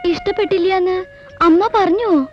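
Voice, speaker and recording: An innocent young noblewoman, devoted to her sweetheart, who keeps pressing him with pleading questions. Her voice is very high. The sound is muffled and lo-fi, with soft music underneath. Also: fairly even intonation, brisk. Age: young adult.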